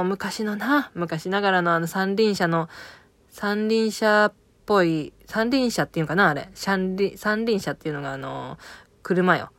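A woman with a broad Okayama accent talks through a TV drama in a loose, rambling way, circling back with fillers and self-corrections. Her voice sits fairly low. The recording is close and dry, with no room sound. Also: fairly bright tone, no room sound. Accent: Okayama dialect of Japanese. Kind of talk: casual spoken recap of a TV drama.

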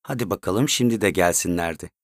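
A man narrating a story in a steady, measured way. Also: deep voice, no echo, studio quality.

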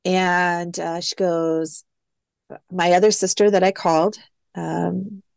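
A woman's voice: on the low side, little pitch movement, takes it slowly, vocal fry, a little mellow, dry recording. A woman who is an adoptee guest, reflectively telling her story in a casual interview and quoting past phone calls. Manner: reflective, retells phone calls with quoted dialogue.

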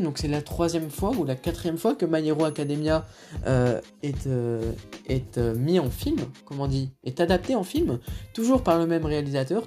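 A man's voice: a little high, warm tone. A man with a French accent hosting a casual film review podcast, talking hesitantly with many fillers and restarts. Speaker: podcast host.

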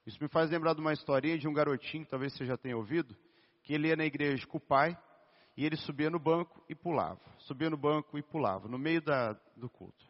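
A man, a physical education teacher, preaching a sermon in a conversational, storytelling way with a naturally hoarse voice. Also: a little high, fast talker. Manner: storytelling, conversational, addresses listeners as brothers. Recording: dull sound with long reverb in a hall.

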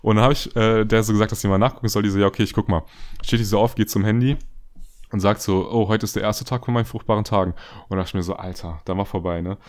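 A man's voice: on the low side, steady tone, quick pace, darkish tone. A young man telling a personal story in a casual chat, rambling with slang and fillers and turning often to speak to his listeners directly.

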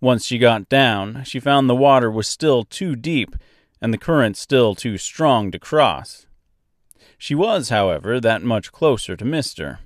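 A male storyteller narrating a profane fairy-tale parody at a slow, deliberate pace. His pitch moves a lot, giving the narration a lively, animated shape, and he drops crude lines in a deadpan way. The recording is dry and close. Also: dry recording. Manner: unhurried, expressive, deadpan profanity.

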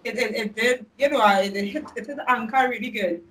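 A woman's voice: on the high side, a little fast, low-quality recording. A woman hosting an interview channel, wrapping up a casual chat with guests and often repeating herself with "you know".

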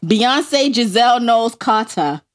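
A woman's voice: on the high side, animated, unhurried. A woman co-hosting a podcast in casual, playful chat, laughing often. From New York. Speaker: podcast co-host.

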